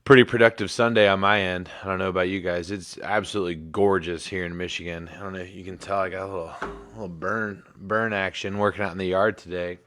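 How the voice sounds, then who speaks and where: A man's voice: sits low, steady tone, fast, a bit bright. A man in his thirties hosting a casual livestream sports show, laid-back and rambling with plenty of fillers. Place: home in Michigan.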